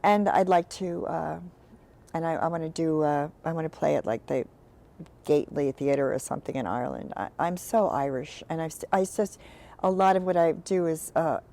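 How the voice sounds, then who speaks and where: Frank, low-pitched woman actress. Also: mellow. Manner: frank, halting, with many fillers and restarts; short, decisive one-word answers in quick rounds. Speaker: actress and writer, interview guest. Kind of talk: candid interview conversation.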